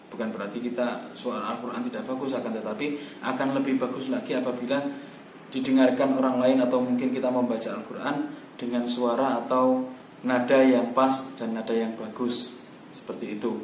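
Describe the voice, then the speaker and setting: A man's voice: medium pitch, little pitch movement, brisk, a little mellow. Man, recitation teacher, patient explaining, echoey room, faint background noise. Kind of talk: instructional talk. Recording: roomy echo, distant mic, faint background noise.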